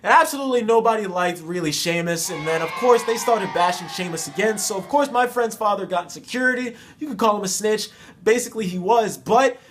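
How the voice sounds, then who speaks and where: A man's voice: high-pitched, fairly quick, background noise. A young adult man telling a personal story as a vlogger, in a casual, slangy, emphatic way with plenty of repetition. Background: faint music.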